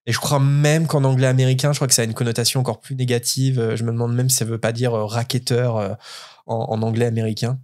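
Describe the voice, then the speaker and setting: A man's voice: mid-range voice, flat delivery, quick pace, a little mellow. A French man hosting a casual podcast, enthusiastic and hesitant with frequent fillers. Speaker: podcast host. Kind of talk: casual chat about book translation.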